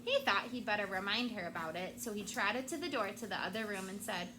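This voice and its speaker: A woman teacher reads a picture book aloud to her class, telling the story expressively and pausing now and then to explain a word. Her voice is medium in pitch, she reads fast, and the background is noisy.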